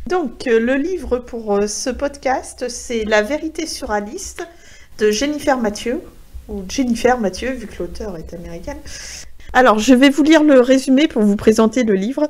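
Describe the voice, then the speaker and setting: A woman with a French accent talks about books on a casual podcast. Her voice sits a little high, and she speaks haltingly, with many fillers between phrases. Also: animated, a little mellow. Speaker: podcast co-host. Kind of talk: casual book podcast chat.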